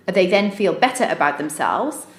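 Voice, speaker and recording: A woman's voice: on the low side, very animated, moderate pace, reverberant. A woman co-hosting a podcast, chatting directly and addressing listeners. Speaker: podcast co-host. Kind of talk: casual podcast chat.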